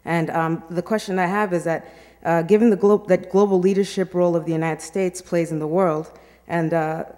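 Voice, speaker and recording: A woman's voice: fairly low pitch, darkish tone. Young Kenyan-born woman asking in a hall. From Kenya, raised in New York. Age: young adult. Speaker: audience member asking a question. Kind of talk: public Q&A question. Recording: reverberant hall.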